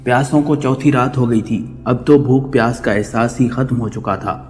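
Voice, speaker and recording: A man's voice: medium pitch, slight background noise. Solemn male narrator with long reverb. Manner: solemn, mournful storytelling. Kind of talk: scripted religious narration.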